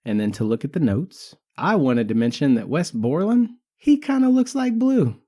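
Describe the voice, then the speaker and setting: A man's voice: fairly high pitch, very animated, moderate pace, warm tone. A man in his thirties co-hosting a podcast, chatting casually and teasing with frequent laughs. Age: 30s. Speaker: podcast co-host.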